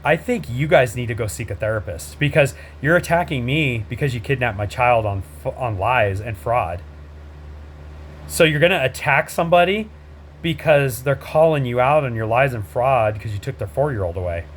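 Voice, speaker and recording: A man hosting his own show, bluntly addressing people directly to camera in a confrontational way, with many pauses and fillers. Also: mid-range voice, a little hiss or hum. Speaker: host, a father speaking out.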